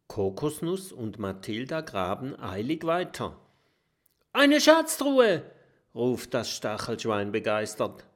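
A man narrating a children's storybook with deliberate, expressive reading. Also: lowish voice. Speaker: audiobook narrator.

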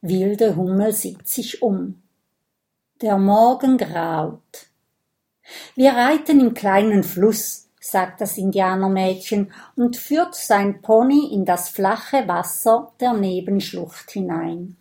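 A woman narrating a children's audiobook in a calm storytelling manner. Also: mid-range voice, slow pace.

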